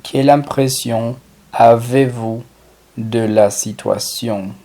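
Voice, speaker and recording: A man teaching French in a recorded lesson, slowly drilling and repeating each phrase. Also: mid-range voice, fairly even intonation, dark tone. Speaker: language teacher.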